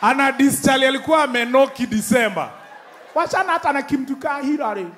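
High-voiced Kenyan man doing stand-up. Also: fast talker, slight background noise. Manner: animated, shouting punchlines, mimicking others. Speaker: stand-up comedian. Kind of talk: stand-up comedy in mixed Swahili and English. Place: large indoor comedy stage. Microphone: handheld mic.

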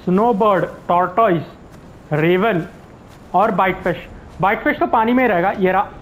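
A man giving casual gameplay commentary, relaxed and mixing in English words, chuckling at the game. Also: sits high, moderate pace, a little hiss or hum, poor audio. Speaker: gamer, channel host.

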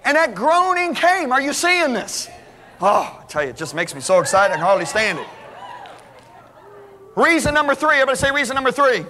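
A man's voice: extremely high pitch, big pitch swings, fairly quick, bright, forceful tone. A man preaching a sermon, telling stories animatedly and calling on the congregation to respond. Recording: reverberant hall.

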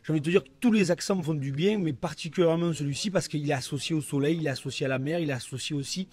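A man's voice: a little high, racing, darkish tone, slightly rough. A man with a Provençal accent, talking expressively in a street interview.

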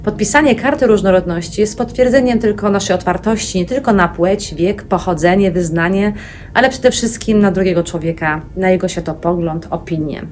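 A woman giving a calm, deliberate corporate statement for her company. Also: lowish voice, faint music behind. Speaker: company representative.

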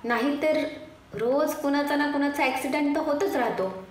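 A woman's voice: sits high, normal speed, distant mic, voice pushed up, natural voice. A woman reading as a coolly menacing young man. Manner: mocking, calm threats. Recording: echoey room, faint noise.

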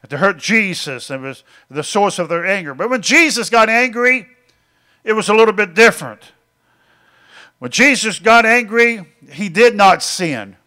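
A middle-aged male preacher delivering a sermon in a high-pitched voice with a bright, forceful edge. He peppers his lines with amens and circles back over phrases as he builds his points. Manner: frequent interjected amens, repeating phrases.

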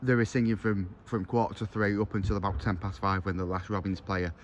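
A man's voice: on the low side, little pitch movement, brisk, a little hiss or hum. A man with an English accent, a club media interviewer asking conversational, leading questions after a match.

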